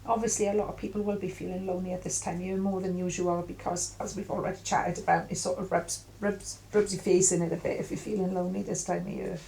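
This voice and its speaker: A middle-aged woman giving an intuitive tarot reading in a musing, halting way with many fillers. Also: lowish voice, level tone, creaky, warm tone, slight background noise, low-quality recording. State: coughing at times. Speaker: tarot reader.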